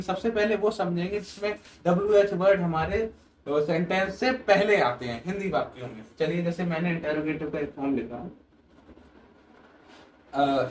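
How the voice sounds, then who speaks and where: High-pitched male teacher, echoey room, distant from the mic, explains step by step. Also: slight background noise. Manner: asks questions and answers them himself. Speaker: English grammar teacher. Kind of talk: classroom-style grammar lesson.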